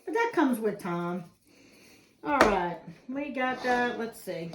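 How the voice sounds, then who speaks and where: A woman's voice: on the high side, expressive, slow pace. A woman hosting a home cooking show, chatting in a folksy way through each step in a kitchen. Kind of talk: cooking show host presenting a demonstration. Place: indoor kitchen. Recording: echoey room with faint background noise.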